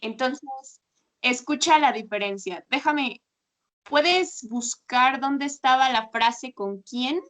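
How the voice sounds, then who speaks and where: Patient Spanish tutor woman, bright voice. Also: sits high, slow pace. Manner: patient, explains pronunciation with examples. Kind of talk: one-on-one language lesson.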